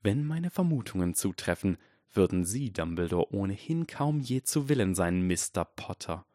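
A man's voice: low voice, very animated, warm tone, no room sound, studio quality. Lucius Malfoy, a silky cold aristocrat, read by a man. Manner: icy, measured and menacing.

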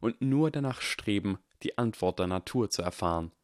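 An earnest young wizard lays out his reasoning in a calm, measured way, read by a man. The voice sits fairly low and the sound is dry and close. It has the feel of a storybook reading. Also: no echo, natural voice. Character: calm, earnest boy wizard lecturing on science.

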